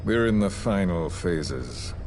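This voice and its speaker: A male actor voices a cold, calm, scheming villain in game cutscene dialogue, speaking slowly and in a measured, quietly threatening way. His low, exaggerated voice carries a menacing mood, and the game audio recording is noisy.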